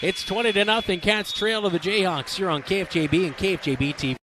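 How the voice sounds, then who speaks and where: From a high school gym broadcast, a man provides excitable, brisk play-by-play of a basketball game. He trades jokes in banter while loud gym noise fills the background.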